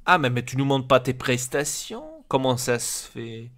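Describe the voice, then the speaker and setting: A man's voice: medium pitch, a little slow, a bit bright, close to an everyday voice. A man voicing a blunt, crude male football club boss who scolds his players, in an Italian accent. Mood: scolding.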